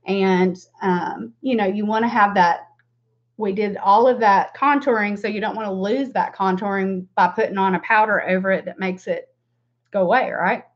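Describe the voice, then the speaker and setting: A woman's voice: medium pitch, steady tone, moderate pace. Southern woman on a dull lo-fi stream. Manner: informal, rambling, self-deprecating asides. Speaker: beauty livestream host and makeup seller. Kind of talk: casual chatty makeup tutorial livestream.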